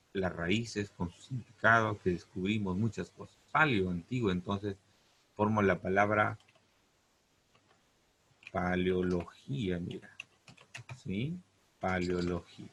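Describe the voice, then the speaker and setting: There's a little background noise behind this lowish, somewhat bright male voice. A teacher with a Peruvian Spanish accent leads a lesson on Greek word roots, stretching out key words and asking "¿correcto?" and "¿te das cuenta?" again and again.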